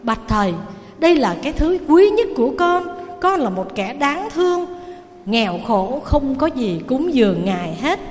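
A woman playing a humble poor trader. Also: high voice. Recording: long hall reverb.

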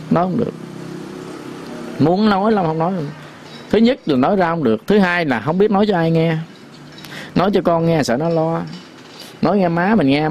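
A man giving a Buddhist sermon, folksy and repetitive, sometimes chanting verse lines slowly. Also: fairly high pitch, a little mellow, a little hiss or hum. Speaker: Buddhist teacher.

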